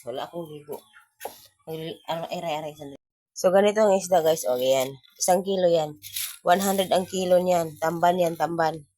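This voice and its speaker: A woman with a Visayan Filipino accent chats casually in a home vlog right after waking up, groggy and hoarse from a cold. Her low, slightly mellow voice sounds stuffy and congested, and the noisy home recording is filled with clucking chickens.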